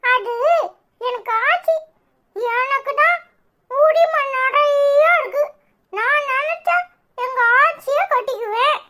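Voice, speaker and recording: Casting: someone playing a cheeky cartoon grandson, Tirunelveli accent, very high, unhurried. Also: sharp tone, full character voice. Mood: teasing. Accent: Tirunelveli Tamil. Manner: teasing, mischievous. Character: cheeky young grandson, playful and teasing. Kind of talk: cartoon voice acting.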